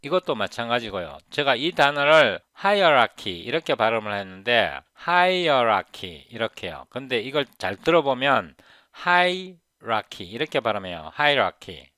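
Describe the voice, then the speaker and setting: Man in his fifties demonstrating pronunciation slowly. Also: mid-range voice, expressive, sharp tone, no room sound. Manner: explanatory, repeats words slowly to demonstrate. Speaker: software developer teaching English pronunciation. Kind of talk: casual screen-recorded tutorial.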